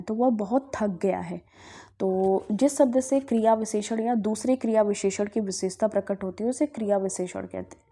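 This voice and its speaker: A woman from Bihar, India, teaches Hindi grammar in a dark-toned voice that sits on the high side. She works through past exam questions, posing questions to herself and answering them, and she often says "ठीक है".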